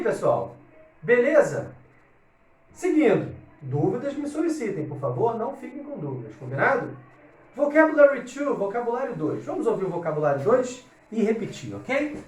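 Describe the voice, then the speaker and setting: A man teaching an English lesson to Portuguese speakers, explaining step by step and often checking in with his students. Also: sits high. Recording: echoey room, distant from mic.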